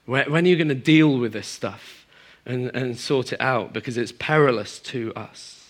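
A man preaching a sermon to a congregation, moving between emphatic high passages and quiet, low stretches. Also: moderate pace. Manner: animated, swings from emphatic highs to quiet low asides. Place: church hall in front of a congregation.

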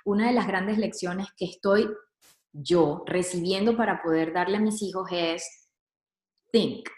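A woman's voice: fairly low pitch, a little slow, darkish tone, echoey room. A woman speaking earnestly and reflectively about motherhood in casual conversation, dropping in English words now and then.

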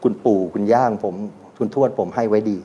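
Thai radio guest, male, low mellow voice, animated storyteller who drops English words. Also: a little fast, lo-fi sound, a little hiss or hum. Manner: animated storytelling, mixing English terms, laughs. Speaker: guest brand owner. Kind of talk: radio talk show conversation.

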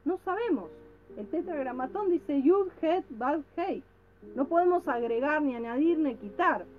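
Woman religious teacher, high voice, unhurried delivery, tinny phone-line sound, faint music behind. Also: animated, slight background noise. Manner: slow and deliberate, frequently checks in with listeners.

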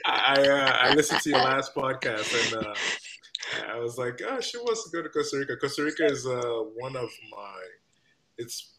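A Nigerian man in his thirties chats as a guest on a podcast in a casual interview. His medium-pitched voice is expressive and moves at normal speed against a noisy background. He laughs often and fills the gaps with lots of "uh."

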